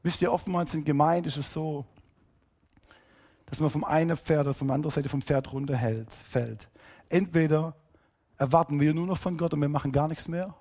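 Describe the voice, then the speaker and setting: A man preaching a sermon, emphatic, rising to loud calls and then dropping low and quiet. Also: moderate pace. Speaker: pastor.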